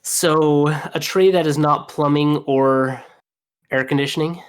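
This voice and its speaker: A young man talks shop as a plumber on a podcast, loose and chatty, piling on "you know" as he tells his stories. His delivery is lively and animated, and he laughs easily. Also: a little high, unhurried, clear, resonant tone. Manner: animated, laughing storyteller with fillers. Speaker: plumber guest. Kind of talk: casual storytelling.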